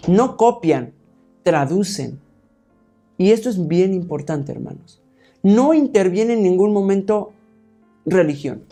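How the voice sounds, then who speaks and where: A man's voice: sits high, lively intonation, slow, long pauses, dark tone, faint music behind. A man preaching a Bible teaching sermon, explaining point by point and often checking with his listeners. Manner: explains step by step, asks the congregation "¿sí?"; addresses listeners as "hermanos".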